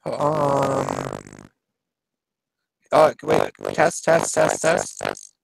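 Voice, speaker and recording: A man's voice: medium pitch, wildly swooping pitch, very slow, vocal fry. A man chatting casually and profanely on a crackling, staticky, distorted microphone over a call. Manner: profane, rambling, frustrated. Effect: crackling, distorted, staticky mic. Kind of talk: casual chat. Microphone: faulty remote call mic.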